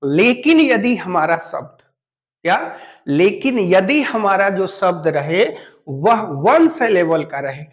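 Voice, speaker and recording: Male teacher, high-pitched, deliberate and unhurried, patient step-by-step explainer who spells words letter by letter. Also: big pitch swings. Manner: speaks to students familiarly and asks them questions. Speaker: English teacher. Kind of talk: classroom lesson.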